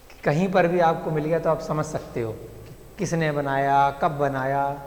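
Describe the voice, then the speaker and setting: A man teaching a classroom lesson on letters and pronunciation, speaking patiently and repeating sounds aloud for students to drill. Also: high voice. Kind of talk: classroom lecture on script and pronunciation. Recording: echoey classroom with long reverb.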